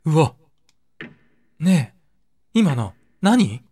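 A man's voice: big pitch swings, drawn-out words, warm tone, breathy edge, full character voice. A man voicing a frightened young woman in a horror game, crying out in alarm. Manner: shrill, alarmed cries.

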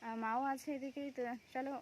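In a casual vlog chat to camera, a young woman from West Bengal, India, speaks softly and quietly, sprinkling in fillers and calling her audience "guys." She sounds high-pitched and brisk with a steady tone, moving between the inside and outside of a village home. The phone recording is lo-fi and dull, with faint noise.

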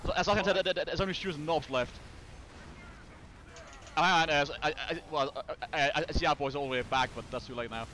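Bright-voiced stammering gaming streamer man. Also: on the high side, a little fast, a little hiss or hum. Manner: stammering, swears often. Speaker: streamer host. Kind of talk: casual co-op gaming chat.

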